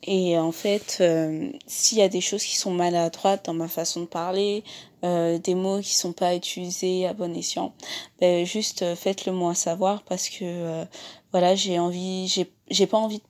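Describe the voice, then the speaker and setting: A woman's voice: fairly low pitch, level tone, unhurried, a little mellow. A woman hosting a podcast, introducing her episode in a casual, hesitant way with many fillers and restarts. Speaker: podcast host and interviewer.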